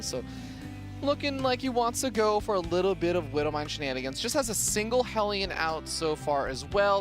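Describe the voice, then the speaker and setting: A man casting a live esports match, playful and joking between play-by-play calls. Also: a little high. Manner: playful, quick jokes. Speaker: esports commentator.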